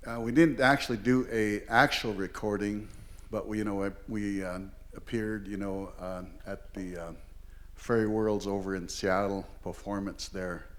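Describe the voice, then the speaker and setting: A man's voice: fairly low pitch, steady tone, a little slow. Older man telling a rambling, funny story. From Oregon. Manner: rambling and humorous, heavy with fillers. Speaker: language teacher and storyteller. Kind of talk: live storytelling on stage. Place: performing arts hall, live event.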